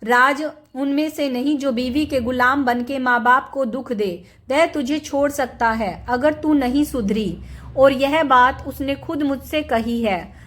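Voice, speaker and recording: A woman's voice: sits high, unhurried, a bit bright. A woman voicing a firm, loving elderly mother who lectures her daughter in a storybook reading. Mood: stern. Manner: admonishing, firm.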